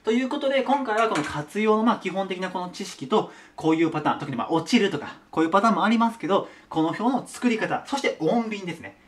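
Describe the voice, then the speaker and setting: A man teaching a grammar lesson at a whiteboard, chatty and animated, talking to viewers as his students. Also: high-pitched, fast talker, hardly any pauses.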